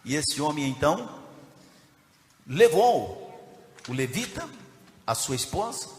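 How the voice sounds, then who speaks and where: A Brazilian man preaching a sermon as pastor, dropping from low, quiet reading into loud, shouted preaching. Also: sing-song, slow pace, slight background noise. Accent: Brazilian Portuguese. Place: church hall. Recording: echoey hall with long reverb.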